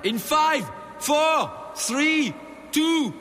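A man with a French accent playing a heist explosives expert who shouts orders. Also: very high-pitched, animated, extremely slow, in a large hall, slight background noise, heavily acted. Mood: urgent. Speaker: demolitions expert. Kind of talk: video game acting.

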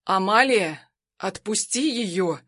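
A woman voicing a desperate husband who pleads with an armed woman and shouts urgent threats to save his wife. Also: medium pitch, lively intonation, slow, no echo, clean studio sound. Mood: urgent, pleading.

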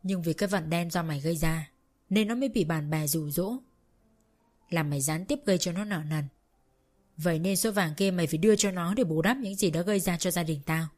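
A woman voicing a doting but spiteful older mother-in-law who scolds in a shrill voice. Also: brisk, a little mellow, natural voice. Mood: shrill scolding.

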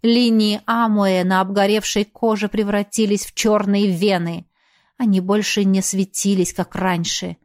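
A woman's voice: medium pitch, flat delivery, a little slow. A woman reading dramatic fiction as a scripted audiobook narrator.

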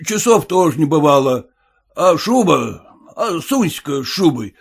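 A man voicing a nervous, haughty gentleman passenger who talks in an indignant, demanding way. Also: fairly high pitch, very animated, measured pace, creaky, husky, pitched above the performer's own voice, exaggerated voice.

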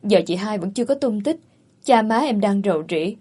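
Woman reading as sly young girl faking tears, pleading, kinda husky. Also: medium pitch, expressive, moderate pace, dark tone. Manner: pleading, tearful. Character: young woman, sly, plays the pitiful victim.

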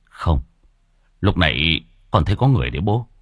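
A man voicing a gruff but soft-hearted middle-aged son with a brusque, scolding manner. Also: low voice, sing-song, no echo, studio quality. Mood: worried. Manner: brusque, scolding, quick to bluster.

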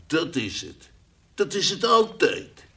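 A man voicing a playful, fussy toy lion in an old radio play, teasing at times and gently coaxing at others. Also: on the high side, very animated, slow pace, breathy edge, exaggerated voice. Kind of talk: 1960s radio drama acting.

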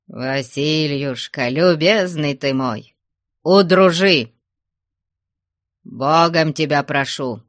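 A man voicing a gruff, bossy old merchant. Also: fairly high pitch, no room sound, clean studio sound, full character voice. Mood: coaxing. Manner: shouting, scolding.

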